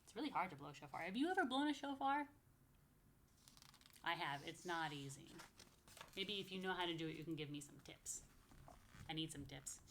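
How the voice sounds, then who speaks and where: Here a rabbi who runs story time for little kids reads a picture book aloud, adding chatty asides. The American woman sounds expressive and lively, her pitch animated, and she teases her listeners with playful questions. She talks fairly quickly but pauses often, over slight background noise.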